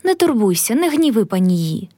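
A woman reading the part of a gentle, humble old peasant woman who speaks meekly and kindly. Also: medium pitch, sing-song, moderate pace, no room sound, clean studio sound. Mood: meek pleading. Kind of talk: audiobook character reading.

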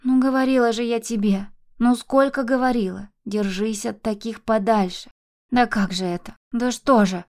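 A woman's voice: mid-range voice, normal speed, a little mellow, close to an everyday voice. A woman voicing an anxious old grandmother who scolds and laments over her granddaughter. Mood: distraught. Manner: agitated, lamenting, exclamatory.

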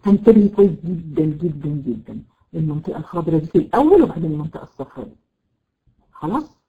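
A woman's voice: deep voice, expressive. Egyptian woman teaching tajweed, lo-fi. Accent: Egyptian Arabic. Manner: patient, repeats letters slowly to demonstrate; addresses students by name, checks understanding. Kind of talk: live online Quran recitation lesson.

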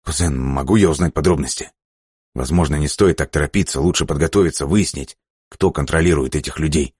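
A man's voice: rumbling low, a little fast, darkish tone, husky, no room sound, clean studio sound. A male audiobook narrator voicing a loyal male aide who urges caution carefully. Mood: cautious. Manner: careful, pleading restraint.

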